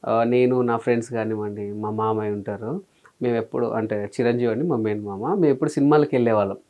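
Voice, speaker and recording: A comedian and mimicry artist from Telangana, India, tells his story as a guest in a casual interview. He is a fast talker with a mid-range voice, animatedly acting out his own past remarks in quoted asides, and the audio is narrow and tinny.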